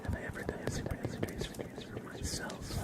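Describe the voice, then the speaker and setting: Talking to his livestream audience, an ASMR host whispers breathily and drifts into soft, creaky speech. He stays playful and gentle, never rushing.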